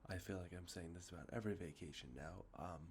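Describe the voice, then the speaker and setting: An ASMR host with a congested, sniffly nose softly shows off video games he collected, rambling with many ums and uhs and correcting himself. His low voice moves quickly. He's outdoors with traffic nearby, and there's a little hiss or hum.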